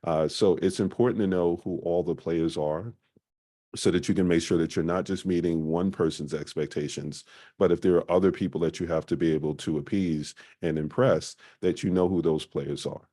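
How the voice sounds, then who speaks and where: A man presenting a small-business marketing workshop in a conversational way, often pausing on "uh". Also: deep voice, fairly even intonation, dark tone. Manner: conversational, frequent "uh" fillers.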